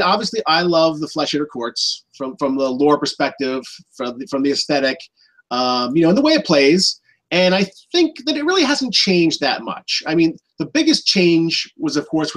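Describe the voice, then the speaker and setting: A man with a fairly high, fairly bright voice talks at a normal pace and sounds very animated, though the recording is rough. He's a guest on a tabletop gaming show, casually discussing the hobby and explaining things conversationally, dropping "you know" again and again.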